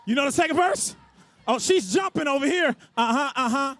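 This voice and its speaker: A man's voice: extremely high pitch, animated, fairly quick, dry recording. A man hosting a live dance contest as a hype announcer, urging the crowd on with exuberant calls and repeated phrases. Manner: exuberant, shouted exhortations with whoops and repeated phrases. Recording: loud music behind the voice.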